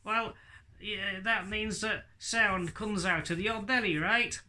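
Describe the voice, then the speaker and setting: A man's voice: high voice, steady tone, slow pace, sharp tone, pitched above the performer's own voice, full character voice. A man voicing a cheeky, insulting puppet in lips-shut ventriloquist speech.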